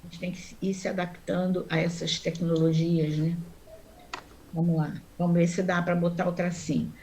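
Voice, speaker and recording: A woman's voice: lowish voice, little pitch movement, a little mellow, a little hiss or hum. A woman teaching a Sanskrit class online, explaining step by step and often checking in with her students. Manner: chants mantra syllables slowly.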